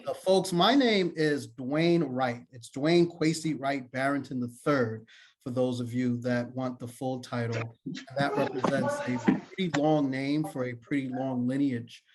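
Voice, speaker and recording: A man from Trinidad and Tobago gives a polite, formal introduction during an online conference session. His voice is mid-pitched for a man, and he speaks graciously over a video call. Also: unhurried, noisy background. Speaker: assistant professor, session respondent.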